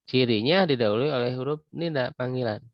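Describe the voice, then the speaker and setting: A man teaching Arabic grammar in an online class, explaining patiently and pausing to clear his throat. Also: mid-range voice, no echo. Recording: dull lo-fi video call audio, dry.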